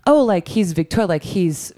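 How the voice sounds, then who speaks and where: A woman's voice: on the low side, expressive, normal speed, dark tone. A woman guesting on a podcast, chatting casually and with feeling about scenes from a film. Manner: chatty, emotional retelling of scenes.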